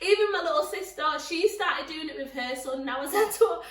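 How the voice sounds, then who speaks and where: A young woman tells stories to camera in a casual, animated way, laughing often and jumping into high, mocking voices. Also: a little fast, roomy sound, distant mic. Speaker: vlogger.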